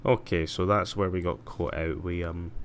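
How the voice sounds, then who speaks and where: A man's voice: low voice, steady tone, moderate pace, vocal fry, a little hiss or hum. A young man chatting casually and self-mockingly while he plays a game on stream, muttering to himself and to chat. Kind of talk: casual gameplay commentary.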